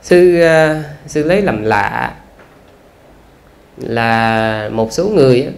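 In an expressive, gravelly, mid-range voice, a Southern Vietnamese-accented Buddhist monk gives a dharma talk in a conversational style. He fills it with rhetorical questions and lingering "à" sounds.

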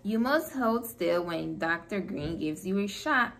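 A woman who is a preschool teacher, reading a picture book to young children in a gentle storytime voice. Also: fairly low pitch, expressive, creaky, slight background noise, low-quality recording. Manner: gentle, slow, sing-song storytime delivery.

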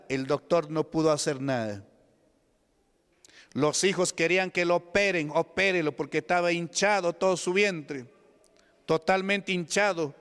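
A man's voice: high-pitched, fairly bright tone, smooth. A man with a Peruvian Spanish accent preaching an evangelical sermon, emphatic, calling out questions to the congregation. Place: church hall. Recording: long hall reverb.

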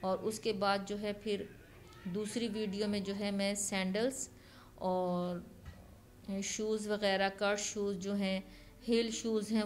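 A woman, narrating a casual shopping vlog from an outdoor market and leaning on the filler "jo hai" again and again. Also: medium pitch. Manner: chatty, leans on the filler "jo hai" a lot. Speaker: vlogger. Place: open-air flea market stalls outdoors.

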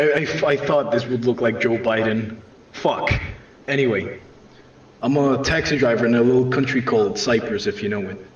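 Guy telling a crude funny story, lots of swearing, sounds far off in an echoey room. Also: medium pitch. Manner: casual and swearing constantly, deadpan delivery. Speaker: storyteller on a comedy game night. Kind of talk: profane comedic storytelling. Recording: distant echoey room, dull lo-fi mic, faint noise.

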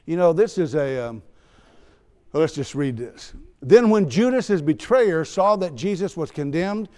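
Male preacher, high voice, chatty sermon w/ little jokes, long echo from the church room. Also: animated, a little slow, mellow. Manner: conversational preaching with asides and teasing. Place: church sanctuary. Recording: long church hall reverb.

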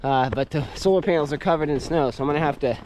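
A man's voice: fairly high pitch, fast talker, a little mellow, a little hiss or hum, rough recording. A man in his thirties vlogging casually outdoors on a snowy homestead, explaining his gear as he works, recorded on a handheld action camera. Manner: easygoing, explains gear while working, chuckles often. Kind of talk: casual vlog talk to camera. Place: outdoors in snow on a rural homestead. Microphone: action camera held or strapped on.

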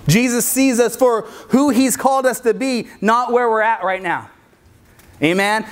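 A man, a youth pastor, preaching a sermon in a lively, conversational way, with frequent asides to his listeners. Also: sits high.

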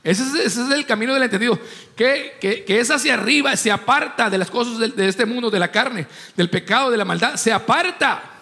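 A man's voice: extremely high pitch, a little fast, pushed and bright. A man preaching a sermon as pastor, speaking emphatically and acting out the people in his stories. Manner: emphatic preaching, acts out voices in anecdotes. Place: church hall. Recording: long church hall reverb.

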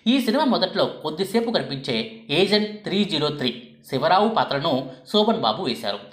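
A man giving scripted documentary narration in a lively storytelling delivery. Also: fairly high pitch, normal speed. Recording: echoey room.

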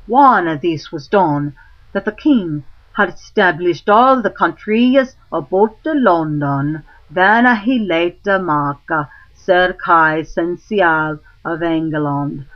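A woman with a fairly low voice recites a literary text in archaic Middle English pronunciation. She moves extremely slowly and deliberately, halting between phrases. The recording is dull and muffled. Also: lively intonation.

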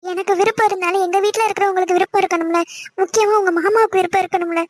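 A woman's voice: extremely high pitch, steady tone, racing, no echo, clean studio sound. A woman voicing a worried middle-aged village mother who is afraid of her husband and speaks in a pleading, apologetic way in a cartoon. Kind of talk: Tamil cartoon voice acting.

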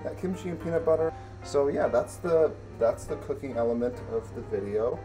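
A young man co-hosting a small comedy channel, chatting casually in a dry, deadpan way with hesitant ums. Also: mid-range voice, moderate pace, faint music behind, low-quality recording. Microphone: new microphone.

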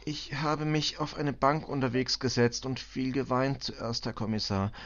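A man voicing a distraught middle-aged immigrant cleaning woman, who speaks halting, broken German with a Balkan accent through tears. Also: on the high side, a bit bright, highs cut off, voice pushed up. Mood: pleading. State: tearful.

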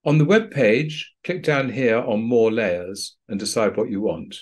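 A man narrating a screen-recorded software tutorial for pilots in a plain, practical, dryly understated way. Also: medium pitch, unhurried. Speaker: flight training instructor.

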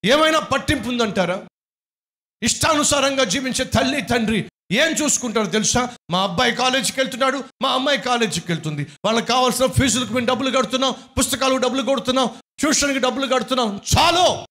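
A man preaching a sermon in a Telugu accent, firing rhetorical questions and rising to shouts before closing in prayer. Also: extremely high pitch, quick pace. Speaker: pastor.

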